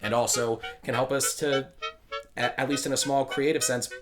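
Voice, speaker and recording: A man in his twenties chatting casually in an interview, animated and stumbling over restarts. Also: medium pitch, normal speed, over music.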